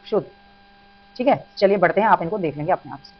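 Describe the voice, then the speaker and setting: A woman's voice: lowish voice, lively intonation, fast talker. A woman teaching an exam-prep Hindi grammar lesson, patiently repeating examples and addressing students as children. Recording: dull lo-fi sound with mains hum.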